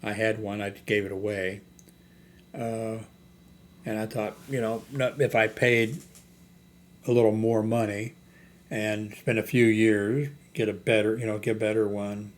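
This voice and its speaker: Browsing products on screen, an older man hosts a casual, unscripted YouTube vlog, thinking aloud in a halting, hesitant manner and rambling as he goes. His voice sits on the low side with a level tone. Background noise is noticeable in this homemade recording.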